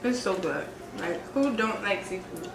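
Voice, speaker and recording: A young woman chats between bites at a seafood meal, her talk full of "like" and loose restarts. Her voice sits at an ordinary middle pitch. The room is echoey, with steady background noise and the clatter of dishes. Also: unhurried, vocal fry, far from the mic. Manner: chatty, eating while talking, many "like" fillers. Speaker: vlog co-host. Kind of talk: casual mukbang chat.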